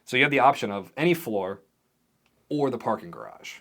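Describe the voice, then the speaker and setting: A man running a tabletop game as game master, narrating the scenes in a vivid, animated way. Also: mid-range voice, a little fast.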